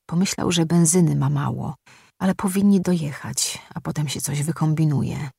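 An audiobook narrator reading a story in a steady, measured way. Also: mid-range voice, gravelly, slightly rough, dry recording, clean studio sound. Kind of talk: scripted narration.

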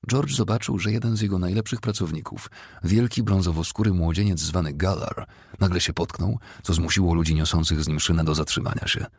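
A man reading a historical novel as an audiobook in a steady, measured way. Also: low voice, husky, no echo, clean studio sound. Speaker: narrator. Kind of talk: audiobook narration.

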